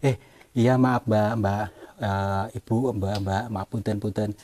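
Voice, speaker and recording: A man's voice: on the low side, steady tone, a little slow, darkish tone. Hesitant apologetic man in a cave. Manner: hesitant, apologetic, many fillers. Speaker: cave-exploring vlogger. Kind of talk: hushed polite on-location talk.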